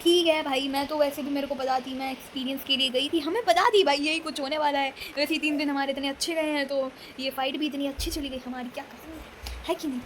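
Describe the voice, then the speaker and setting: A young woman with a high voice chats to her viewers in a lively, dramatic way, often dropping English words into her sentences. A faint hum of noise sits behind her. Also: fast talker. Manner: chatty, dramatic, mixes English words into Hindi. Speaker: vlogger. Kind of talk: casual chat to camera.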